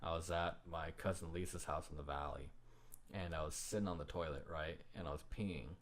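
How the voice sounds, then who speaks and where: A man's voice: rumbling low, fairly quick. A man talking like a frat bro in casual, joking podcast chat, swearing freely and using slangy buddy talk.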